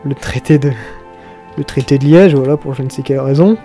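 A man's voice: mid-range voice, brisk, warm tone, soft background music. A young man hosting a casual game tutorial, chatty, swearing now and then and breaking into mock-dramatic outbursts. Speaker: video game tutorial host.

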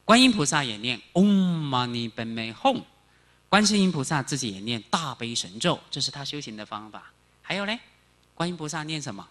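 A male Buddhist monk giving a sutra lecture, animated, chanting phrases slowly and quizzing the audience. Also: mid-range voice. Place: lecture hall.

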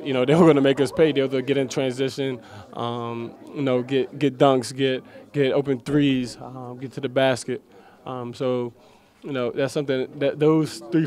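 A young man, a college basketball player, answering post-game questions haltingly with many fillers in a locker room. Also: medium pitch, darkish tone. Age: young adult. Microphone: handheld mic held by interviewer.

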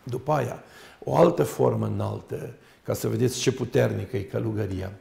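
A man's voice: mid-range voice, creaky, mellow. A man, a monk and guest on a talk show, telling saints' stories and preaching emphatically in long lists. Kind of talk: storytelling talk-show sermon. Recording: roomy echo.

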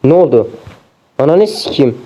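A man's voice: on the high side, expressive, moderate pace, dark tone. A young man commentating a game as he plays, swearing constantly and sounding exasperated. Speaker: gameplay streamer. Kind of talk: let's play commentary. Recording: dull lo-fi sound.

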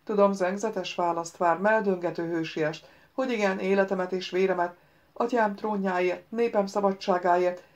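A woman's voice: medium pitch, steady tone, dull audio, lightly acted. A woman voicing a proud young prince who answers back defiantly and sarcastically.

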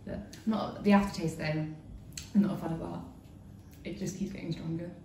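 A woman's voice: fairly low pitch, fairly even intonation, normal speed, gravelly, darkish tone. A young woman from North Yorkshire chatting casually while tasting snacks with friends. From North Yorkshire, England. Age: young adult. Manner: chatty, laughs easily. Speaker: taste tester. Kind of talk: casual chat. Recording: roomy room, mic at a distance, faint noise.

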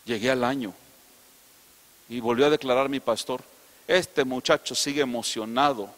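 A middle-aged man with a Mexican accent preaching a sermon, swinging from loud emphatic declarations to soft, confiding asides. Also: mid-range voice, fairly even intonation, normal speed, long reverb tail. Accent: Mexican Spanish. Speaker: apostle preaching.

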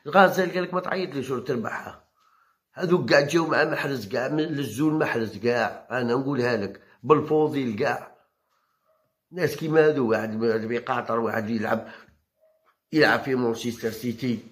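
A man with an Algerian Arabic accent who reads football news and then rants about it, combative and quick to argue back. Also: medium pitch. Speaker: football commentator. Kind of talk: heated football talk. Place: home channel recording.

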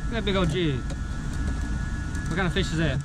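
A higher-voiced Southern fishing vlogger in his twenties, from Alabama, speaks at a normal pace in casual chat and commentary. He is out on a small boat on a river, filmed by an action camera on his chest or at arm's length, and the outdoor recording is noisy.

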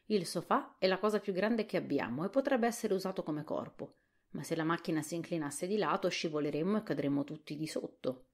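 A woman voicing a practical, matter-of-fact male tin woodman in a soft whispered role-play audiobook. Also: lowish voice, fairly quick, close to an everyday voice.

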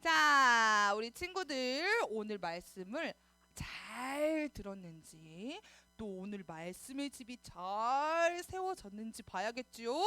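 A woman teaching preschoolers at a Sunday service, coaxing them in an animated, sing-song way to repeat after her. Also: on the high side, dry recording. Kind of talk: children's sermon.

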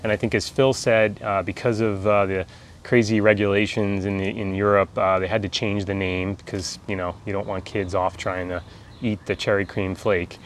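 An American man in his forties chatting casually outdoors in an easygoing, halting way, like a reviewer talking to camera. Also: on the low side, little pitch movement. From United States. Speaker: pipe tobacco reviewer. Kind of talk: casual video chat. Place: outdoors in a backyard garden. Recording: outdoor ambient background noise.

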